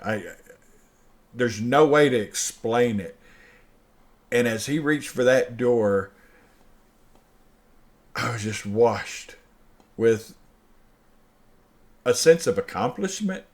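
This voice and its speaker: Older male host telling a true story, lively and animated, voicing both sides of the conversation. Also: medium pitch, slow, pauses often. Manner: animated, acts out dialogue, laughs mid-sentence. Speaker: show host. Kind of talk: personal storytelling.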